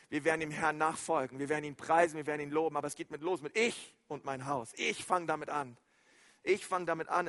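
High-voiced man preaching fervently. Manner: fervent preaching with repeated phrases, swings from loud to hushed. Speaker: pastor. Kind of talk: sermon.

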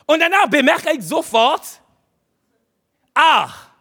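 A man's voice: very high voice, sing-song, slow, pushed and bright. A man preaching a sermon, speaking straight to his listeners and hammering home short, repeated exhortations. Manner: addresses listeners directly.

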